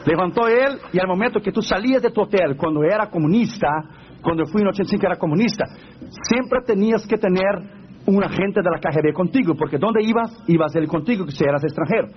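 A man's voice: high-pitched, fast. A male pastor telling a story in a sermon, fervent, and often calling out to the listeners as brothers. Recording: dull lo-fi recording, faint noise.

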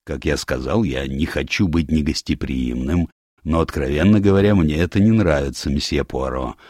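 A man doing a gruff old admiral. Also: rumbling low, normal speed, a little mellow, no room sound, clean studio sound. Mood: disgruntled. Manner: blunt, grumbling. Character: gruff, disapproving older male admiral. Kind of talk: audiobook character voice.

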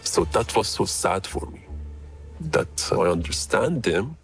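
A man from Iran, an interviewed researcher whose voice is disguised by a deep pitch shift, speaking in an earnest, halting way. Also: animated, soft background music. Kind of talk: interview clip.

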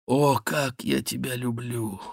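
A man voicing a passionate young nobleman, speaking low and hushed. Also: fairly even intonation, slow pace, vocal fry, slightly rough, no echo, studio quality, full character voice. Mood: ardent.

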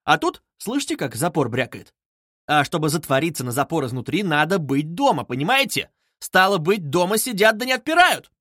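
A man putting on an excitable young student, high and bright, who pushes every point loudly and quickly. The voice is clean and close, with no room around it. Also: no echo. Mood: eager, urgent. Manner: loud, quick, insistent.

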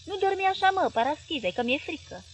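A woman's voice: high voice, very animated, a little hiss or hum, voice pushed up. A woman reading aloud, voicing a sweet-voiced wife who coaxes and pleads with her husband. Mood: coaxing, pleading.

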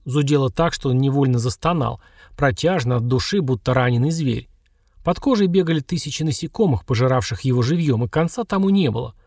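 A man reading a fantasy audiobook in measured, scripted narration. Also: medium pitch, animated, darkish tone, no echo, studio quality. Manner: measured storytelling.

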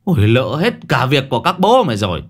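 A man's voice: deep voice, big pitch swings, a little fast, sharp tone, heavily acted. A man voicing an irritable old clansman who scolds in an exasperated, grumbling way. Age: older.

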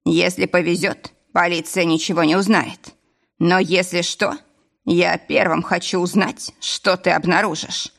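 Woman doing a slow, sighing old man in a hospital bed. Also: on the low side, steady tone, vocal fry, fairly bright tone, full character voice. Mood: pleading. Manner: slow, sighing, breathless delivery. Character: weak old man in intensive care, gasping, sly.

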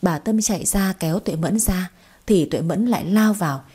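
A woman tells a first-person story at a brisk, lively pace. Her voice is mellow and warm, with a husky breathiness. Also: on the low side. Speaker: narrator.

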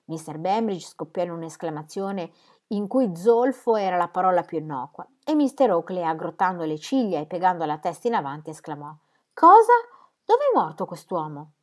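Young woman reading a novel aloud, steady and measured, slightly low voice. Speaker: audiobook reader.

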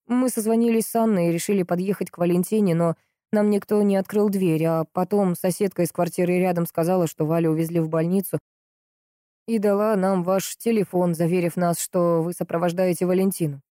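Flustered young guy, hurried and puzzled, mellow lowish voice, read by a woman. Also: steady tone, no room sound, studio quality, close to an everyday voice. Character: flustered young man, a friend.

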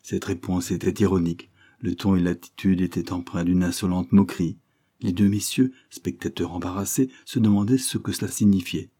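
A man narrating a classic novel as an audiobook, in a measured literary reading. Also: sits low, fairly even intonation, warm tone, husky. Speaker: audiobook reader. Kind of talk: scripted narration.

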